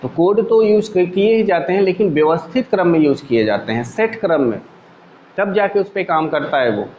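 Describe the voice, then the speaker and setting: Guy teaching a computer class, kinda high voice, echoey lo-fi room. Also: lively intonation, normal speed. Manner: explains step by step with everyday examples, asks the class questions. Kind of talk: classroom lecture. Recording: echoey room, dull lo-fi sound, faint hum.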